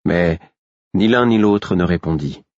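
A man narrating a first-person audiobook in a steady, measured way. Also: low-pitched, no room sound, highs cut off.

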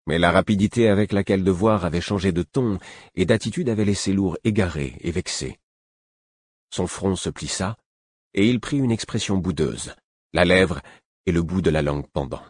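A male audiobook narrator with a very deep, husky voice reads a first-person novel. His delivery is measured and even. The recording is dry and close, with no room sound. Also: dry recording.

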